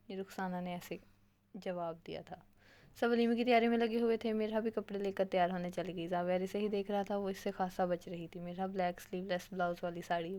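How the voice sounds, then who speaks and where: Woman reading an audio novel flatly. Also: lowish voice. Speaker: novel narrator.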